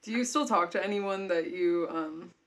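A woman's voice: lowish voice, moderate pace. A woman in casual chat who laughs often and asks easygoing questions.

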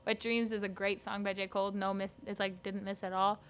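A young woman co-hosting a podcast, chatting in an animated way with lots of "like" fillers. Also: mid-range voice, brisk, clear, resonant tone. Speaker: podcast co-host. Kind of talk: casual chat.

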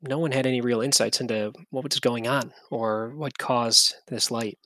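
An obliging woman shopkeeper who answers earnestly and keeps offering help, voiced by the game master. The voice sits at a middle pitch and sounds close and dry. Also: steady tone, normal speed, sharp tone, dry recording, natural voice.

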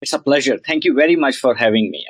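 A man's voice: medium pitch, fast talker, breathy edge, dry recording, low-quality recording. A man, a journalism professor telling his story as a podcast guest in an earnest, reflective way. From Pakistan. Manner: earnest, reflective, frequent "like" and "right?".

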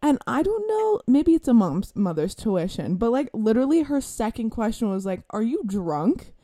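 A young woman co-hosting a podcast, telling stories in casual chat with an amused, lively manner. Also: fairly high pitch, normal speed, no room sound, clean studio sound. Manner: lively and amused, breaking into laughter. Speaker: podcast co-host.

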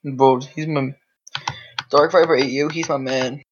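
A woman's voice: very deep voice, steady tone, a little slow, noisy background. A woman hosting a casual meme chat, who laughs often and swears freely. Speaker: podcast host. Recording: dull lo-fi mp3 audio.

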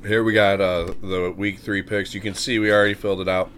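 A man's voice: fairly low pitch, flat delivery, brisk, fairly bright tone, slight background noise. A man co-hosting a casual podcast, loose and playful, often addressing listeners as folks. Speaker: podcast co-host. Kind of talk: casual chat.

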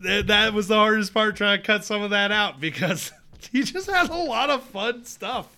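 A man's voice: sits high, lively intonation, moderate pace, sharp tone. A young adult man co-hosting a casual podcast, reading his notes and riffing with laughs. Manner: laughing, loose, reads notes then riffs. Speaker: podcast co-host presenting research. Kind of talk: casual chat.

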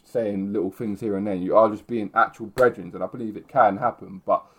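A man's voice: on the low side, steady tone, fairly quick. A man in his twenties with a London roadman accent, chatting casually in heavy slang and often rambling and cutting himself off. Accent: London roadman, multicultural London slang. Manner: slangy, rambling, self-interrupting. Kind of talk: casual chat.

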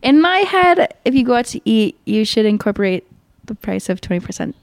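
A woman's voice: fairly high pitch, sing-song, brisk, no room sound. Opinionated young woman, dry close sound. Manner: opinionated, filler-heavy with lots of "like". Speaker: podcast co-host. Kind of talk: casual chat.

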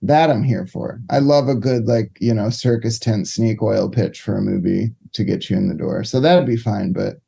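A man's voice: lowish voice, moderate pace, gravelly, few pauses, dark tone, slightly rough. A man co-hosting a casual film podcast, enthusiastic and wry, laughing often. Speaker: podcast co-host.

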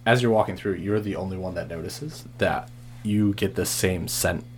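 A man's voice: low-pitched, moderate pace, a little hiss or hum. A man hosting and narrating a tabletop game as game master.

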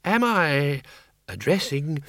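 A man doing a halting, polite zombie wizard. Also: a little high, sing-song, a bit bright, no room sound, studio quality, heavily acted. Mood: awkward. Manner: halting, apologetic.

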